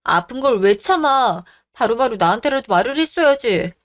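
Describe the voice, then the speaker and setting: A woman's voice: a little high, lively intonation, normal speed, close to an everyday voice. A woman playing a caring grown daughter in a radio drama, insistent and worried about her mother. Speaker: daughter and wife.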